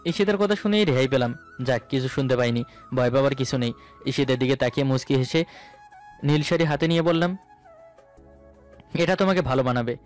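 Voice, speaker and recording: A romantic-story narrator delivers a scripted first-person piece with a voice over background music. His medium pitch comes out brisk, and he pauses often.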